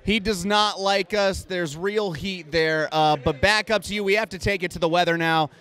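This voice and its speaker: Guy putting on a cheesy news reporter voice, high and bright, crowded convention hall. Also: normal speed, clean tone. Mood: hammy newscaster. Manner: exaggerated newscaster delivery, shouting at passersby. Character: mock TV news reporter, male, hammy and overeager. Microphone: handheld mic.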